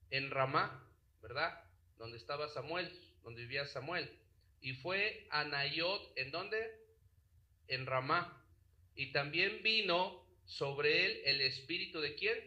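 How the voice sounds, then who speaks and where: Man preacher with a bright, cutting voice and a slightly high pitch, questions the flock often. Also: poor audio. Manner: asks the congregation rhetorical questions. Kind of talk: sermon.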